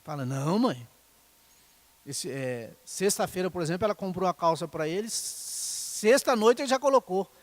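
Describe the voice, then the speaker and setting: A man's voice: high-pitched, animated, normal speed, few pauses, dry recording. A middle-aged man preaching a sermon in a conversational way, often checking in with the congregation. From Brazil. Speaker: pastor.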